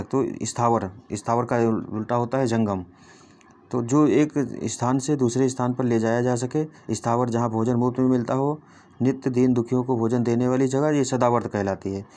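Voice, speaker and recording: A man tutoring through a solved exam paper, reading out each question and its answer options one by one before explaining. His pitch sits in a plain middle range. He talks in an unpolished way, with frequent false starts and quick self-corrections. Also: mellow. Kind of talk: solving a Hindi exam paper aloud.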